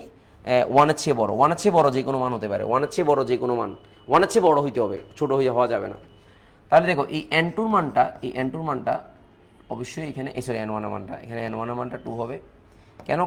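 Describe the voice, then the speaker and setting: Fast-talking Bangladeshi chemistry teacher. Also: male voice, medium pitch, creaky. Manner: fast, repetitive teaching talk with English mixed in. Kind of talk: lecture.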